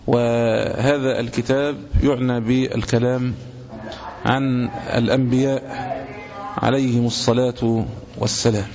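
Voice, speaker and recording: A man gives a religious lesson in a deliberate teaching manner, repeating his key words as he explains them. His voice sits at a middle pitch. The recording is a little dull, with faint noise underneath. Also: a little mellow. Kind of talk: lecture explaining a hadith book.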